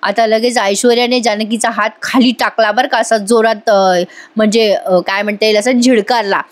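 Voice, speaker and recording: A woman with a high voice narrates a recap of a TV serial episode. She speaks straight to her viewers, acts out the characters' lines as she retells each scene, and adds critical asides. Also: steady tone, moderate pace, no room sound. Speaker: serial reviewer.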